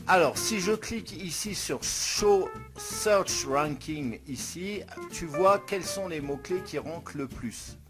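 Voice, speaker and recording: A man narrates a screen-recorded tutorial with a somewhat high voice. He speaks straight to the viewer and explains each click one step at a time. Light guitar music plays quietly underneath. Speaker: YouTube tutorial host. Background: soft guitar music.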